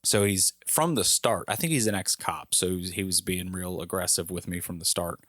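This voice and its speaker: A low-pitched man on a casual podcast, spinning a story with animated gusto and jumping up in pitch whenever he quotes someone. The sound is dry and close, with no room around his voice. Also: brisk, dry recording. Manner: animated storyteller, raising his voice when quoting people. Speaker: podcast co-host.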